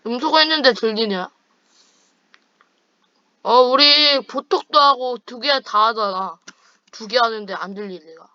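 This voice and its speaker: A woman's voice: on the high side, a little slow, pauses often, bright, forceful tone, no echo, muffled recording. A woman hosting a gaming channel, chatting with a friend over voice chat while playing online and trash-talking playfully. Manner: playful teasing trash talk.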